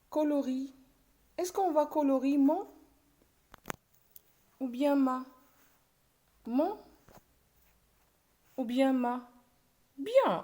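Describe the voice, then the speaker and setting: Woman primary teacher, slow, careful, lively intonation. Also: fairly high pitch. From Morocco. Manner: slow, syllable-by-syllable instruction. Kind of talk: classroom video lesson.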